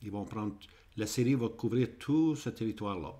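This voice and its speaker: A man with a fairly low, warm voice and a Québécois French accent teaches a Bible prophecy lesson over maps at a normal speed. He repeats his points and checks in with the class using "hein?" and "ok?"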